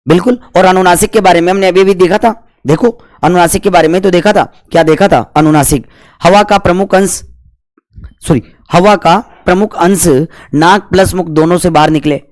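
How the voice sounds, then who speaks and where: Male grammar teacher, slightly high voice, dry close recording; self-answering exam-prep drill style. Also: darkish tone, no room sound. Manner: asks questions and answers them himself; stretches out syllables to demonstrate pronunciation.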